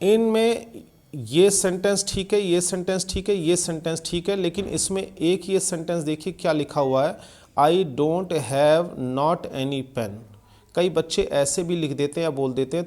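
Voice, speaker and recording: A man teaching English grammar in a video lesson. He explains slowly with examples and often checks that listeners follow. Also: fairly high pitch, a little mellow.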